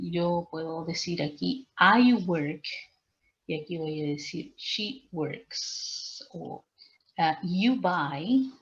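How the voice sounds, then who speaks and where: Woman, English teacher, patient step-by-step explainer, lowish voice, dull recording. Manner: patient, explains step by step with frequent "¿cierto?" and "¿ok?" checks. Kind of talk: online class lecture.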